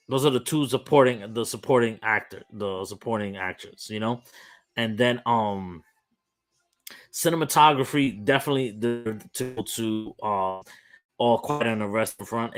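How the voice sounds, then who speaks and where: A young man hosting a podcast, talking in an animated, emphatic rant full of restarts. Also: medium pitch. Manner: frequent restarts and fillers. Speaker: podcast host. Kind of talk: casual opinionated chat.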